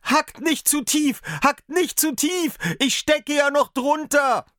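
A man voicing a tiny, frightened boy tailor in a storybook reading, with a high piping voice and urgent, drawn-out calls. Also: animated, pushed and bright, dry recording, clean studio sound, full character voice.

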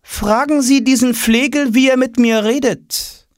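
Man putting on a very high, haughty queen voice, cold, aloof, slow and proud, storybook. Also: fairly even intonation, no echo, clean studio sound. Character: haughty, aloof ancient queen, adult woman.

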